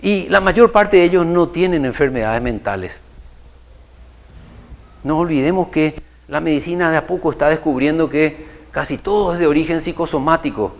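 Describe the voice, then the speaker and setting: Guy giving a spiritual talk, kinda high voice, long hall echo, lots of rhetorical questions. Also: animated, vocal fry. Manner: unhurried, asks rhetorical questions. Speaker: lecturer. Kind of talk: spiritual lecture to an audience.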